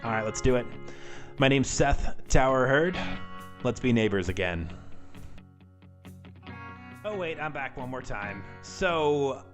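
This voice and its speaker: A man's voice: medium pitch, expressive, slow, pauses often, soft background music. Casual, self-deprecating male podcast host. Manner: informal, self-deprecating, wry. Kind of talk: casual, chatty podcast talk. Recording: amateur home podcast audio.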